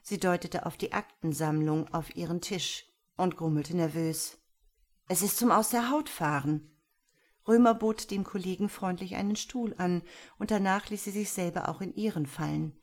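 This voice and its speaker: Female audiobook narrator, steady crime-fiction reading, lower-pitched voice. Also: moderate pace. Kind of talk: scripted crime-novel narration.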